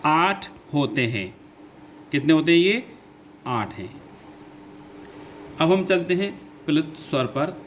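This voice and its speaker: A man teaching a grammar lesson who goes slowly, repeats his points and asks his own questions before answering them. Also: on the high side, animated, slight background noise. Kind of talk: classroom lesson explaining grammar.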